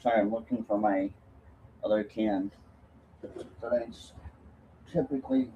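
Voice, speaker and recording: A man chatting casually to viewers as a vlogger, talking haltingly around a lip packed with chewing tobacco. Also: lowish voice, fairly even intonation, muffled recording, slight background noise.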